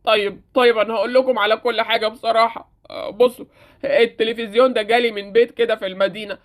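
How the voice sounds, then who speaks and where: Woman putting on a jittery egyptian shop man, fast confiding talk, Roblox story. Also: a little high, steady tone, close to an everyday voice. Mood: nervous. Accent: Egyptian Arabic. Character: nervous male TV shop owner.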